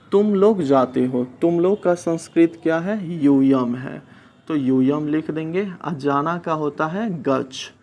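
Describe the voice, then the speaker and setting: A man teaching a lesson, patiently posing questions and answering them himself. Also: fairly high pitch. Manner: slow, patient, asks and answers his own questions. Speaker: Sanskrit teacher. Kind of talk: classroom lesson explaining translation.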